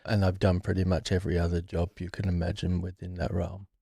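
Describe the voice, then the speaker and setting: A man in his forties, born in Ireland and raised in London, is a guest in a recovery interview, speaking reflectively and haltingly with frequent restarts. His voice is low-pitched, level, creaky, mellow, and slightly rough. The studio-quality recording has no echo.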